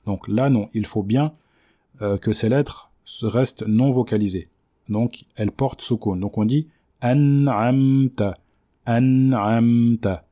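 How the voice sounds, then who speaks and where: Man, recitation teacher, low voice, patient, slow demonstrations. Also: mellow, slightly rough. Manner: patient, repeats Arabic words slowly to demonstrate. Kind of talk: tajwid lesson.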